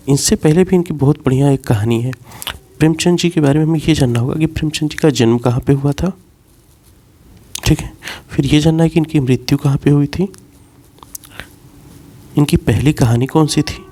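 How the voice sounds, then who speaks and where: A man with a medium-pitched, somewhat dark voice and a breathy edge lectures a class. He works through the material step by step, going slowly, repeating the key points, and slipping in English words.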